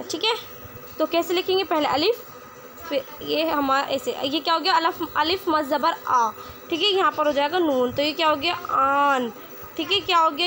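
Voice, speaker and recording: High bright-voiced woman teaching children. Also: a little hiss or hum. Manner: patient, repeats words slowly for children to follow. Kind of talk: online lesson, reading words aloud.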